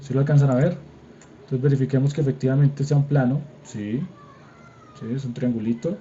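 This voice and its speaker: A man's voice: mid-range voice, steady tone, fairly quick, dark tone, a little hiss or hum. A young man with a Colombian accent teaching an online engineering drawing class, informal and patient, often checking whether his students are following. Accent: Colombian Spanish. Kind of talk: online class lecture with screen demo. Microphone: computer mic on a video call. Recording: slightly dull video call audio.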